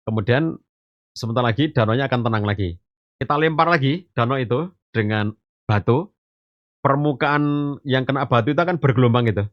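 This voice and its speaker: A man's voice: medium pitch, fairly quick, long pauses, no echo. A man, an Islamic teacher on a podcast, giving a parenting talk and explaining through homely stories and analogies, addressing listeners as fathers and mothers and often saying "gitu" and "eh". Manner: addresses listeners as ayah bunda; frequent filler gitu and eh. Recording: dry, slightly muffled.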